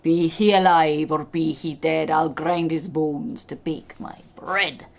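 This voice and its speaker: A woman voicing a huge, gruff male giant in a storybook tale, speaking low and slow. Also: fairly even intonation, heavily acted. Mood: menacing.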